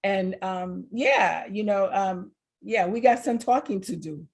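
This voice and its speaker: A woman's voice: mid-range voice, a little slow, a little mellow, husky. A woman co-hosting a talk show, speaking earnestly in a rambling, chatty way and laughing between thoughts. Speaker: co-host. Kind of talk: casual talk-show chat.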